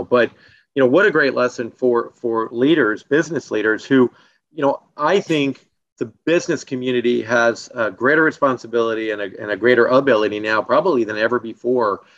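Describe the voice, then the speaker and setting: A male interviewer reflecting on what his guest said, pausing to find his words as he draws the ideas together. His voice comes through dull and muffled, as over lo-fi audio. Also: medium pitch, fairly bright tone. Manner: thoughtful, searching for words as he sums up. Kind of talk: casual interview chat.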